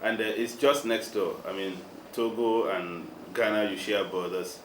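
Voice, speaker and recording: Male sports journalist with a low voice, measured questions, roomy and noisy recording. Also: fairly even intonation. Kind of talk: interview questions. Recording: roomy with noticeable background noise.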